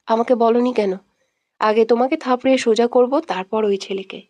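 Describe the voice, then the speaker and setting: A woman's voice: a little high, moderate pace, dark tone, no echo, dull audio, natural voice. A woman voicing a hot-tempered, jealous young man in love in an audio romance, scolding and making threats. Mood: angry. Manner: scolding, threatening, then teasing.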